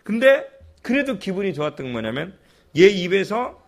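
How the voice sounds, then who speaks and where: A man preaching a sermon and telling a personal story in a lively way, with chuckling asides. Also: high-pitched, moderate pace. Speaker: pastor.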